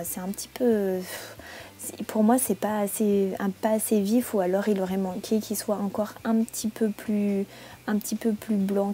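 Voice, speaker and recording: A woman beauty vlogger talks casually through product reviews from her bedroom, easygoing and talkative but often pausing to hesitate. She speaks at a medium pitch.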